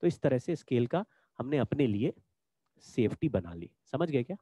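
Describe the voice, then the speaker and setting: A man's voice: medium pitch, sing-song, normal speed, mellow, breathy edge, no room sound. A man teaching a physics lesson in an online class, explaining patiently and repeating the key points.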